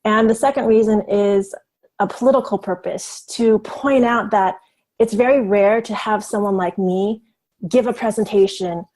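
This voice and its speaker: A woman presents to a webinar audience in a relaxed, informal way. Her voice sits at an ordinary middle pitch. She thinks aloud, filling pauses with ums and reworking her phrases as she goes. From Taiwan, raised in the United States. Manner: thoughtful, with frequent ums and self-corrections. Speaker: professor giving a webinar presentation.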